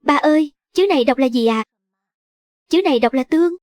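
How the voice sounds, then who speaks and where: High dry-voiced woman reading a drama recap. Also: animated, a little fast, darkish tone, no echo. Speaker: recap voice-over reading all roles. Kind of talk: scripted drama recap dub.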